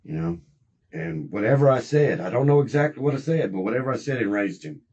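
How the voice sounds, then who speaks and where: Husky man in a muffled interrogation. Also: medium pitch, expressive, fairly quick, a little mellow. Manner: rambling, profane, agitated recounting. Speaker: interrogation suspect. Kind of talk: recorded police interrogation. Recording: muffled interrogation room recording.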